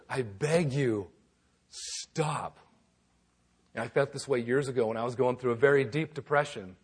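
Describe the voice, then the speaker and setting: A man preaching a sermon, animated and acting out the people in the passage. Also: on the high side, breathy edge. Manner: animated, acts out voices of Amos and God. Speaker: pastor.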